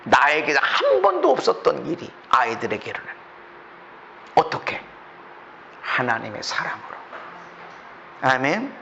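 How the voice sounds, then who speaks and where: A male pastor preaching a dramatic sermon in a church, swinging from hushed murmurs to shouts. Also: medium pitch, huge pitch swings, unhurried, creaky, pauses often. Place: church sanctuary. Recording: dull, faintly noisy church recording.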